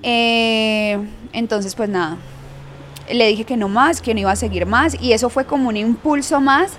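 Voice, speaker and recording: A woman's voice: a little high, measured pace, fairly bright tone, slight background noise. A young woman telling a personal story frankly, laughing often as an interview guest. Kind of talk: candid storytelling in conversation.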